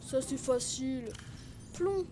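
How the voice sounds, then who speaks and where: A woman from France streaming a video game, chatting excitably with her viewers and laughing at her own mistakes. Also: high-pitched, takes it slowly, noisy background. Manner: chatty, excitable, self-mocking, talks to chat. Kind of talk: casual let's-play commentary. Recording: game music playing underneath. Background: video game music.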